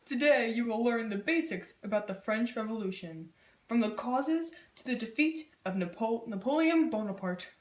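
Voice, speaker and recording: A young woman, a student presenter, narrates a scripted educational puppet show in an informal, chatty, explanatory way. Her voice is a little high with lively intonation at normal speed. The room is echoey and the mic slightly distant.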